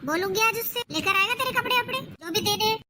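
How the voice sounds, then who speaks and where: A woman's voice: very high voice, animated, fast talker, very noisy. A woman playing a mother-in-law who sides with her daughter, speaking in a soothing, agreeable, homely way in a family comedy skit.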